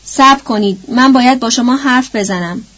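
A desperate grown man begging strangers for help for his son, urgent and loud in an audiobook, read by a woman. The recording is dull and lo-fi. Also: on the high side, close to an everyday voice. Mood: pleading.

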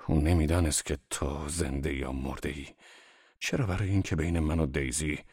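A man's voice: very deep voice, darkish tone, slightly rough, no echo, studio quality, pitched below the performer's own voice, full character voice. A man voicing a harsh, contemptuous husband in an audiobook, with a cutting delivery.

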